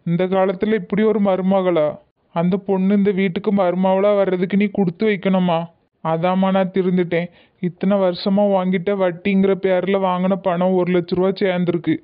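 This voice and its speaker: A man's voice: high voice, little pitch movement, normal speed, clear, resonant tone, lightly acted. A cartoon figure of an older village moneylender, voiced by a man, humbled and pleading with a lilt. The voice stays level with little rise or fall. The audio is tinny and narrow. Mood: remorseful. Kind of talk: cartoon voice acting.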